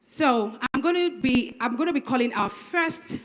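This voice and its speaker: A Nigerian woman hosting a public forum as emcee, lively and upbeat, hyping the audience and introducing the next segment. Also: sits high, normal speed. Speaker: master of ceremonies. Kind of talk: event hosting. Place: event hall.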